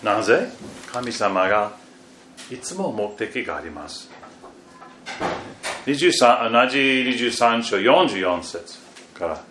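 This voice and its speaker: A man preaching a sermon and reading scripture, halting and restarting, with phrases that often fade very quietly at the end. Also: mid-range voice, very animated. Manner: slow and halting, with repeated fillers and restarts. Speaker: pastor. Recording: echoey room, faint background noise.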